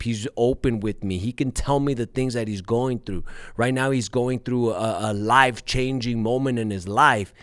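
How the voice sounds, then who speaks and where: A man's voice: fairly low pitch, a bit bright, dry recording, studio quality. A man in his thirties hosting a show, telling a personal story to his listeners in a candid, profane way and calling them guys. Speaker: podcast host.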